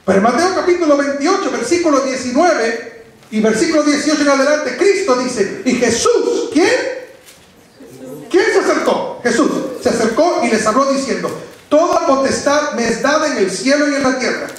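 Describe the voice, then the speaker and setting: A man with a very high-pitched, animated voice preaches a doctrinal sermon to a congregation at normal speed, emphatic and didactic, repeating phrases for stress and posing rhetorical questions. The room is echoey, and the recording is very reverberant.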